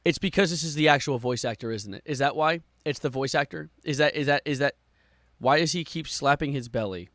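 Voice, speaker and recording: A man doing live stream reaction commentary with exasperated, sarcastic complaining, moving between muttering and louder outbursts. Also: fairly high pitch, fairly quick.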